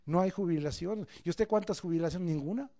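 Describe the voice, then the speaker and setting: A man preaching a sermon in church, moving from quiet asides to loud emphatic proclamations and joking folksily with the congregation. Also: sits high, brisk.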